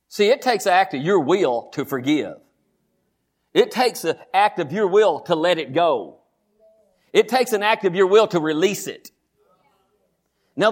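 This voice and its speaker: In this sermon, the male preacher calls his congregation "honey" and repeats phrases to emphasize them. His pitch rises as he pushes each point home.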